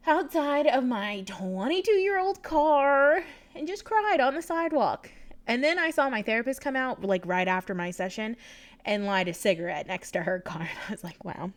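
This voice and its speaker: A woman's voice: high voice, expressive, normal speed. Young woman rambling chattily, stuffy nose, laughs a lot. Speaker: Sims builder vlogger. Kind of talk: casual voice-over chat.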